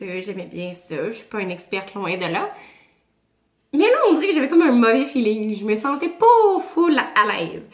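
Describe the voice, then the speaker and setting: A woman with a Québécois accent recounts a storytime in casual, slangy French full of energy. Her voice sits a touch high. The room around her adds a noticeable echo. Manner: animated, slangy, chatty. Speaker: vlogger. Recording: echoey room.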